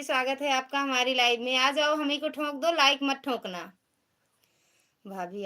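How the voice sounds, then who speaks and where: Woman, Awadhi accent, live-stream host; bright, fairly high voice; chatty, teasing banter with viewers. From Uttar Pradesh. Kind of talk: casual live-stream chat reading out viewer comments.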